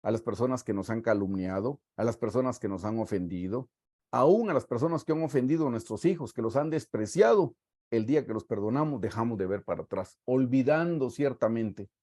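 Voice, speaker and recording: A man with a Guatemalan Spanish accent preaching a sermon, reading scripture aloud and stressing words slowly for emphasis. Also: medium pitch, lively intonation, a little mellow, no room sound, clean studio sound. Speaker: pastor.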